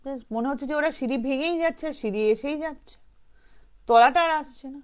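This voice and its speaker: Her voice sitting high and brisk, a woman recounts a ghost story in a loose, rambling, conversational way. English words slip into her speech, and she gives the quoted lines a light bit of acting.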